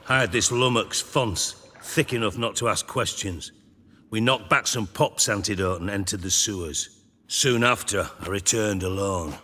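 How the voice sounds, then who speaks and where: Lowish and a little slow, this man's voice comes across pushed and bright. He's an actor voicing an irritable, self-important crime boss in a video game, sardonic, clipped and foul-mouthed. The mood is dry and irritated, delivered as game dialogue.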